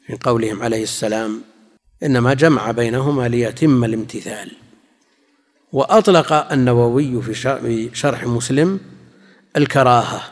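A man giving a classical religious lesson, measured and explanatory, often repeating key phrases for his listeners. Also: mid-range voice. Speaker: Islamic scholar teaching hadith commentary. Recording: long reverb in a large hall.

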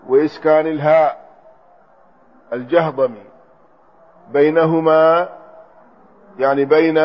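A man giving a classroom lecture as a religious teacher, methodically explaining a text, spelling out word forms and repeating points as he goes. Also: on the high side. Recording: dull lo-fi recording.

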